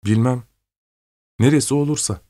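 A man voicing an exhausted young factory worker who talks in a calm, soft, flat tone. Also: mid-range voice, moderate pace, no room sound, studio quality, natural voice. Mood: weary calm.

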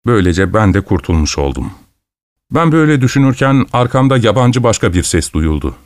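Man, story reading, fairly low voice, dry close sound, measured and firm. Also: very animated, no echo. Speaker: narrator. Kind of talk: first-person story reading.

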